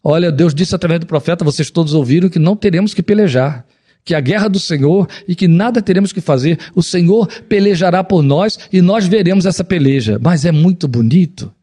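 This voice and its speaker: A middle-aged man, preaching a sermon as pastor, swinging between raised exclamations and low, solemn passages. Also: expressive, fairly quick, mellow, slightly rough.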